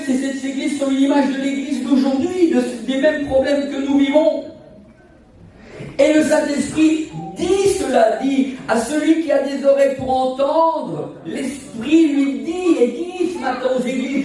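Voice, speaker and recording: A man's voice: extremely high pitch, dark tone. A man in his sixties from Portugal, an evangelist preaching a sermon in an emphatic, repetitive, preacherly cadence. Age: 60s. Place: church sanctuary. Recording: echoey church from far off.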